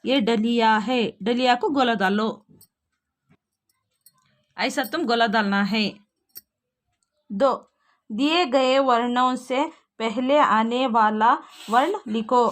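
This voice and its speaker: A woman with a fairly high voice leads an online lesson for young children. She speaks slowly and patiently, saying each word and letter one at a time. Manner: slow, patient, spelling words out letter by letter. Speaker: primary school Hindi teacher.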